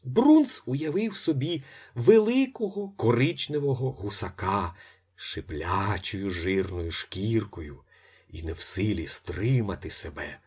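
A man reading a literary novel aloud as its narrator, with expressive swings in his voice. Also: a little slow, husky. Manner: expressive, with lively pitch swings.

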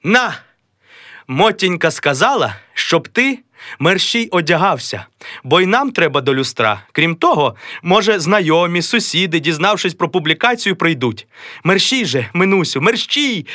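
A man's voice: high voice, big pitch swings, pushed and bright, no echo, clean studio sound, pitched above the performer's own voice, heavily acted. A man voicing a bustling middle-aged wife who urges her husband to hurry. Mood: fussy. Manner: hurried, urging.

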